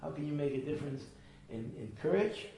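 A man's voice: fairly high pitch, animated, a little fast, gravelly, dark tone. A man teaching a small group, earnest and emphatic, often repeating his phrases. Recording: echoey room from far off with faint noise.

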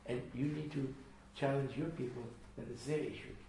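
A man's voice: medium pitch, fairly even intonation, normal speed. A man teaching a small group, earnest and emphatic, often repeating his phrases. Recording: echoey room from far off with faint noise.

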